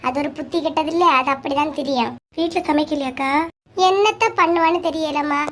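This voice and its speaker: Woman doing squeaky, sharp-tongued cartoon village women. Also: a little fast. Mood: bickering. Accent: Kanyakumari Tamil. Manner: scolding, nagging banter. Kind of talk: cartoon comedy voice acting.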